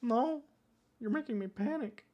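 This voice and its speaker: A streamer from Switzerland chats casually while gaming, thinking aloud, joking and swearing as they guess. The voice is medium-pitched with lively intonation and a measured pace, heard through lo-fi sound.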